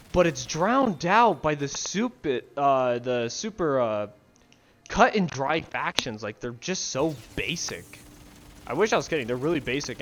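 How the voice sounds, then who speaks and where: A young man ranting casually about games he dislikes, profane, rambling and sarcastic, recorded on a headset mic in his bedroom. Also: medium pitch. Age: young adult. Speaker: gaming video ranter. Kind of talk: casual rant to camera.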